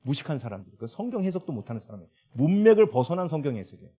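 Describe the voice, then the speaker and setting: A man's voice: on the high side, very fast, slightly rough. A man preaching a sermon as pastor, asking the congregation question after question and answering them himself. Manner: lively rising and falling delivery.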